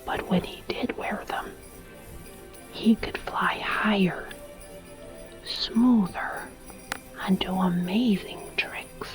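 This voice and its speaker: Slow whispering woman storyteller. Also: medium pitch, over music, rough recording. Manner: slow, gentle, deliberate whisper. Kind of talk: whispered ASMR storytelling, scripted narration.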